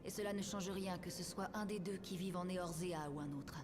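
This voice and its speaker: A woman voicing a solemn young male noble in a game, with a formal, measured delivery. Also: lowish voice, close to an everyday voice. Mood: grave. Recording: game music clearly behind.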